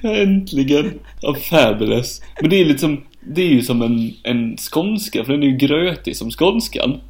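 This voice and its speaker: A man's voice: on the high side, lively intonation, a little mellow. A man co-hosting a casual chat who laughs often, mocks himself and rambles with many restarts. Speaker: podcast co-host.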